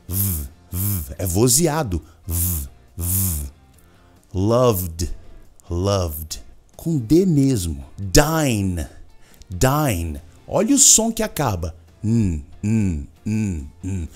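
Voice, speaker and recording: Lively Brazilian man teaching English. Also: mid-range voice. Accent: Brazilian Portuguese. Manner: animated, drills words by repeating them. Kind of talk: energetic video lesson.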